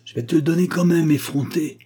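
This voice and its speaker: A man voicing a dying old miser who shouts in raging outbursts. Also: on the low side, moderate pace, slightly rough.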